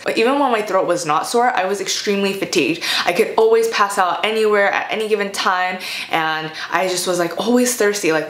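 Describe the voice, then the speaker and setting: A woman's voice: fairly low pitch, fairly bright tone. A young adult American woman telling a personal story in a casual, candid, conversational way. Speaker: vlogger. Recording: echoey room.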